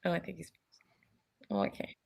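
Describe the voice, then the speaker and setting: A raspy, hoarse woman travel advisor giving a casual online presentation over a video call, chatty and full of fillers. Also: moderate pace, darkish tone.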